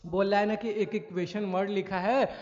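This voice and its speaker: A man's voice: high-pitched, fairly even intonation, normal speed, a little mellow. A man teaching maths in a recorded lecture, explaining step by step, asking questions and answering them himself, and often checking whether students follow. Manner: frequent checks for understanding. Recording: dull lo-fi audio in a reverberant room.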